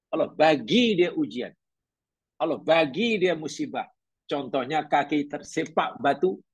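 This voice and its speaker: A man's voice: a little high, husky, no room sound. A middle-aged man teaching a religious class, talking conversationally, asking his listeners questions and telling stories. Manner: conversational, questioning the audience, storytelling.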